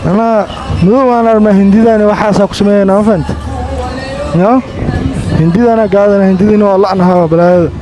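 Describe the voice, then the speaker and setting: A man hosting a casual prank vlog on a city street, chatty and quick, slipping English into his talk. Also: sits high, steady tone, music in the background, crowd noise. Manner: rapid, chatty, mixes in English phrases. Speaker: prank vlogger.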